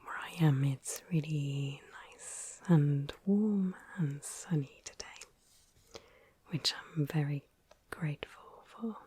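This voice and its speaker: A woman whispering softly and gently through an ASMR interview roleplay. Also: low-pitched, slight background noise. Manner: soft, slow, gentle whispering. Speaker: ASMR creator.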